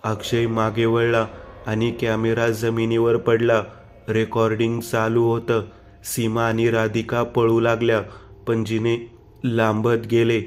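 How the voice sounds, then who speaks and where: Slow, flat-voiced male horror narrator. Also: mid-range voice. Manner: slow, flat, ominous delivery. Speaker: horror storyteller.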